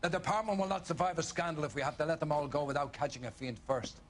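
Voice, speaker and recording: A man's voice: on the high side, fast talker, lightly acted. A man playing a stern, pragmatic police captain in a video game, commanding, formal and admonishing. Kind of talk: dramatic video game acting.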